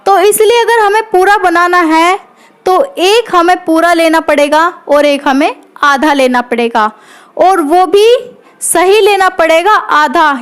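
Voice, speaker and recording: A woman teaching grammar in a coaching-class lesson, patient and repetitive, often checking in with her students. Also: extremely high pitch. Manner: patient, repeats points, checks in with "theek hai". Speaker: Hindi teacher.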